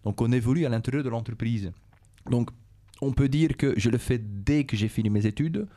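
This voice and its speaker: The speaker is a middle-aged man, a Belgian business executive and native Dutch speaker, answering schoolchildren's questions in Flemish-accented French. His mid-range voice has a dark tone. Calm and explanatory, he talks in a measured way, hesitating frequently, repeating himself, and regularly saying "euh" and "et cetera."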